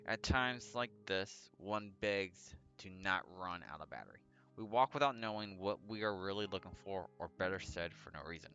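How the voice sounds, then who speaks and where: A man hosting a let's play reads a visual novel aloud over background music, adding casual commentary and sometimes stumbling over the text before correcting himself. His voice is lowish with a fairly bright tone, and the recording sounds lo-fi.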